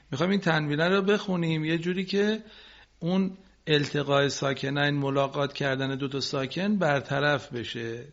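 A patient male recitation teacher leads a radio class, correcting his students and stretching out each phrase so they can copy it. His voice sits slightly high for a man. The recording is muffled and lo-fi, like an old broadcast. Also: fairly bright tone.

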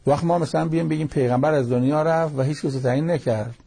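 A man's voice: fairly high pitch, creaky, dark tone, husky. A man giving a religious lecture, explaining scripture verses one by one with plain everyday asides. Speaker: cleric teaching Quran commentary.

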